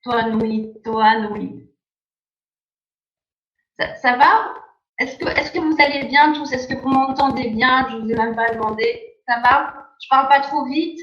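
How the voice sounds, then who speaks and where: A woman presenting an online sales pitch, emphatic and persuasive, heard over a video call. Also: steady tone, normal speed, roomy sound, highs cut off.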